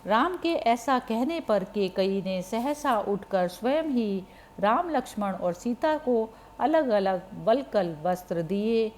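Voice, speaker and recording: Slow, measured woman narrating scripture. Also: fairly high pitch, lively intonation, darkish tone.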